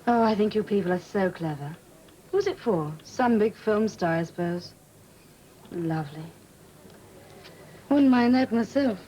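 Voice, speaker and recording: A woman's voice: lowish voice, lively intonation, moderate pace, warm tone, a little hiss or hum, natural voice, rough recording. An actress playing a chatty, gushing woman in a fashion workroom. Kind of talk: 1950s film acting.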